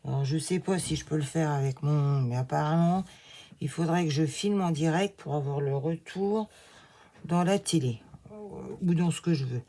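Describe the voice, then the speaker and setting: A woman's voice: sits low, moderate pace, warm tone. A woman with a slight lisp, slushy on her s sounds, chatting casually and rambling to herself as she does crafts. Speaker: craft vlogger filming herself. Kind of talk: casual chat while crafting.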